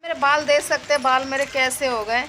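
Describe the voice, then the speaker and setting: A high-voiced young woman rambles cheerfully to her viewers, circling back with fillers while feeling cold and a little unwell. She records on her phone out on a rooftop. Heavy rain, wind and traffic are loud behind her. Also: fairly even intonation, fairly quick. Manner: chatty, rambling, repeats herself with fillers. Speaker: vlogger. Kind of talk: casual vlog chat to viewers.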